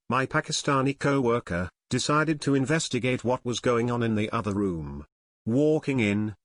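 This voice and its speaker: A man's voice: medium pitch, no room sound. Wry man reading his memoir, dry sound. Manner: wry, deadpan storytelling. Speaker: narrator. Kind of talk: first-person memoir reading.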